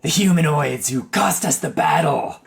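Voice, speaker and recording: A man voicing a boastful male spine devil who yells threats as he circles in the air. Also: a little high, lively intonation, moderate pace, creaky, voice pushed up. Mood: gloating. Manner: yelling threats.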